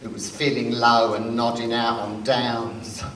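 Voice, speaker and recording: A man's voice: mid-range voice, little pitch movement, unhurried, a bit bright, slight background noise, close to an everyday voice. Man playing a campy drag queen storyteller, drawling, distant mic, echoey hall. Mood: sassy. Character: sassy seasoned male drag queen storyteller. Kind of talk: stage monologue. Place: live performance stage.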